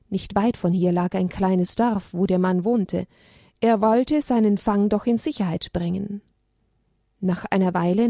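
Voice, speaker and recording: A woman reading a children's story aloud in a gentle, expressive way. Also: medium pitch, dry recording, clean studio sound.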